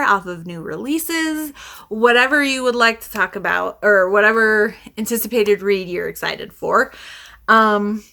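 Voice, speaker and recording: A woman book vlogger chats casually to the camera, rambling, meandering, and interrupting herself as she goes. Her voice sits on the high side with a fairly bright tone.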